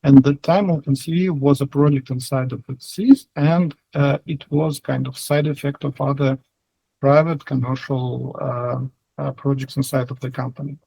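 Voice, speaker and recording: A man with a Russian accent answering interview questions casually, in halting, hesitant phrases. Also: medium pitch, steady tone, gravelly, warm tone, breathy edge, no echo, poor audio. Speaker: software engineer, interview guest.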